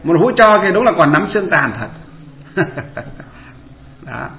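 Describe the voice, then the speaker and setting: A man's voice: on the high side, sing-song, a little slow, vocal fry, slight background noise. A man, a Buddhist monk giving a dharma talk and asking his listeners rhetorical questions. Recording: echoey room over a tinny line.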